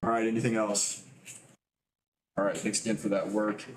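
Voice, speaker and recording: A man chairing a public board meeting, moving the agenda along in a relaxed way. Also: lowish voice, moderate pace, far from the mic, slight background noise, poor audio. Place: meeting room.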